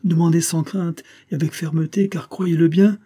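A man's voice: a little high, steady tone, moderate pace, warm tone, slightly rough, voice pushed up. A man reading an impassioned young officer. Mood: urgent. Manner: urgent, impassioned. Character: ardent young male officer, passionate suitor.

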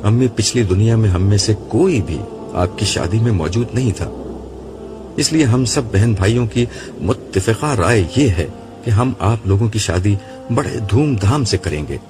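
A man's voice: lowish voice, lively intonation, background noise, close to an everyday voice. A man reading as a determined grown daughter.

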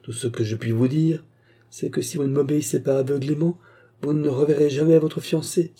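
A man reading aloud, voicing a deceitful male kidnapper who speaks to his captive with smooth, insistent politeness. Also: fairly high pitch, fairly even intonation, a little fast, warm tone, pitched above the performer's own voice. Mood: insistent, falsely kind.

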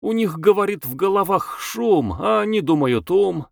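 A male audiobook reader voicing a weary young wife who speaks softly, thoughtfully and with dry irony. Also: high-pitched, animated, moderate pace, vocal fry, no echo, voice pushed up. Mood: musing. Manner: soft, thoughtful, wryly ironic. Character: weary, ironic young wife, quiet and reflective. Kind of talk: audiobook character voice.

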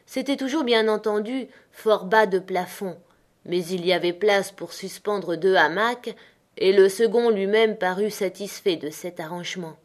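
A woman reading a novel aloud with an even storytelling delivery. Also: medium pitch, a little slow. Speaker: audiobook narrator. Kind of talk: scripted narration.

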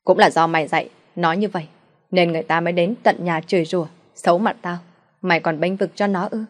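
A raging drunk father , voiced by a woman storyteller, barks loud insults at his wife and daughter. The voice sits a little low and pushes hard and fast. His temper stays hot and menacing throughout. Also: steady tone, natural voice. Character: drunken abusive middle-aged father, raging.

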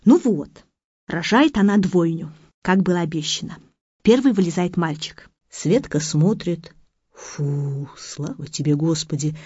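Brief: female audiobook reader, lively gossipy storytelling, mellow dark tone, dry dull sound. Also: fairly low pitch, a little slow, breathy edge, dry recording. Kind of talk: narrating a story with character voices. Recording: dry, slightly muffled reading.

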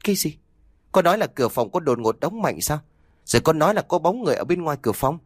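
A doubtful, worried middle-aged father, questioning and puzzled, with an animated, shifting pitch, as a male narrator plays him. The voice sits dry and close to the mic. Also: quick pace, dry recording. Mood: incredulous.

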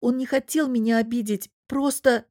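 A woman's voice: fairly even intonation, moderate pace, darkish tone, dry recording, clean studio sound, lightly acted. A woman doing a sobbing, distraught young woman. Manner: sobbing, high-strung pleading. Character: tearful upset young woman, hurt and defensive.

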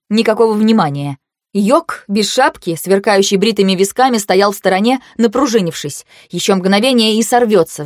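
Woman reading an audiobook in first person, steady even voice, super dry close mic. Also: medium pitch, no room sound. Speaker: audiobook narrator.

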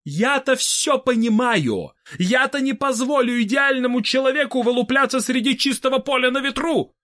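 A man's voice: very high voice, bright, forceful tone. A man playing a pompous preachy scientist. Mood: lecturing. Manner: slow, preachy, full of slogans. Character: pompous middle-aged male scientist demagogue. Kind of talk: audiobook character reading.

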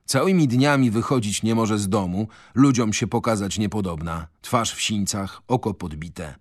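A man narrating a novel on radio in a measured, expressive way. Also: on the low side, no room sound, clean studio sound. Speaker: radio reader. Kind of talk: literary narration. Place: radio studio. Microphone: studio mic.

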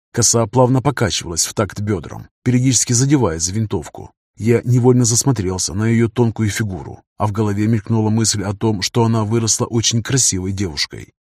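Brief: male narrator, husky voice, dry close sound, measured first-person reading. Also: lowish voice, darkish tone, no echo. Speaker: audiobook narrator.

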